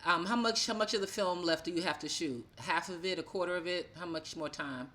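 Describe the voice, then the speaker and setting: A woman co-hosting a podcast, asking quick follow-up questions and joking with her guest. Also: on the low side, bright, forceful tone. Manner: curious, joking, asks rapid follow-up questions. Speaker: podcast co-host. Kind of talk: casual podcast chat.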